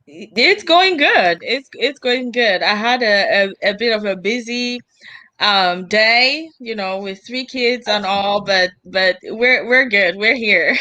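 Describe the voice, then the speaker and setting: Young woman from cameroon chatting on a live call, bright tone, laughs easy, dry sound. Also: medium pitch, lively intonation, takes it slowly, no room sound. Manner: friendly, laughs often, repeats words. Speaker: guest. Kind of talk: live online interview.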